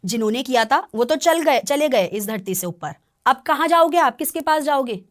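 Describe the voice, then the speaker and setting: A woman's voice: sits high, expressive, normal speed. A woman tarot reader talking on a podcast, explaining in an earnest, warning tone. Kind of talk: podcast conversation.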